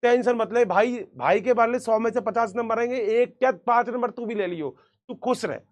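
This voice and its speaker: High-voiced joking male teacher. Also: moderate pace. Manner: chatty, teasing, laughs often. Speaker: online biology teacher. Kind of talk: casual joking live class.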